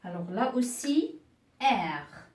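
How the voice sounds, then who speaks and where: Slow, patient woman teaching French. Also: mid-range voice, sing-song, reverberant. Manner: slow, patient, repeats words and checks with "d'accord?". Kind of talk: beginner French lesson.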